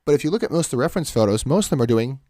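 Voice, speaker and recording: An expressive art livestream host races through his words in a warm, mid-range voice. He chats casually as he sketches, commanding and salesman-like, rambling and correcting himself. The mic is close to his face and the recording is dry.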